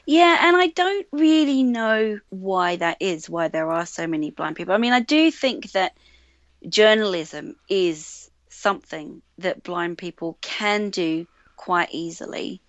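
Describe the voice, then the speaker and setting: A woman with an Australian accent, a radio producer talking casually in an interview, animated and full of fillers and restarts. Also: mid-range voice, a little slow, no echo. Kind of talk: conversational interview. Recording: dull lo-fi sound, dry.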